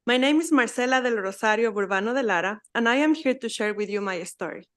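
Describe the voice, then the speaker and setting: A woman's voice: on the high side, fast talker, fairly bright tone. Ecuadorian-accented woman reading testimony. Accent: Ecuadorian Spanish. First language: Spanish. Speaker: public witness.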